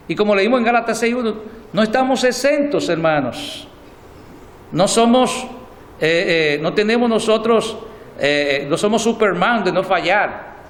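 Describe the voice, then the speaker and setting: Slow-speaking church elder, echoey hall. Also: male voice, sits high, fairly bright tone. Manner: slow, deliberate reading of scripture with explanations. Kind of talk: Bible study sermon.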